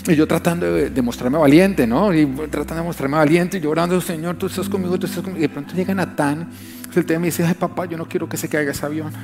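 A man's voice: a little high, steady tone, fast talker, creaky. Impassioned male pastor preaching over music. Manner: impassioned, repeats phrases for emphasis. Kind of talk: sermon. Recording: music playing behind the voice.

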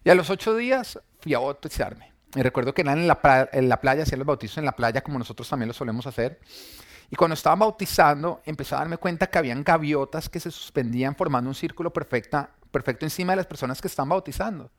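This church member, animated and fast-talking with a fairly high pitch, tells his personal testimony of faith with earnestness. Along the way he describes scenes and quotes what others told him.

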